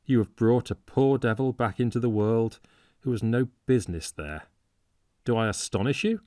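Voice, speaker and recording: A man's voice: mid-range voice, moderate pace, warm tone, dry recording, clean studio sound, close to an everyday voice. A man doing a bitter, sarcastic young medical student. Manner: mocking, sarcastic.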